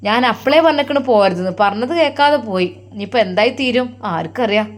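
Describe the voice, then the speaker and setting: A woman's voice: fairly high pitch, animated, quick pace, close to an everyday voice. A woman voicing an anxious, complaining middle-aged mother, speaking with a Malappuram Malayalam accent. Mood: worried. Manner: complaining, fretful.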